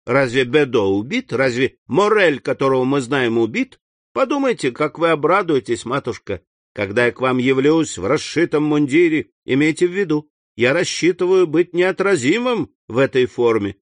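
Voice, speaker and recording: A man's voice: mid-range voice, lively intonation, normal speed, no echo, voice pushed up, natural voice. A man reading the part of an earnest young man who speaks fervently to his mother in an audiobook. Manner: fervent, eager, raising his voice on key words. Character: earnest young man, devoted proud son.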